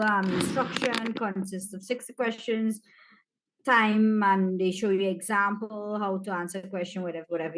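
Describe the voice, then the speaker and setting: A woman teacher with a Caribbean accent, walking students through an exam paper in a relaxed, chatty way and speaking to them directly. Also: mid-range voice. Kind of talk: exam practice walkthrough.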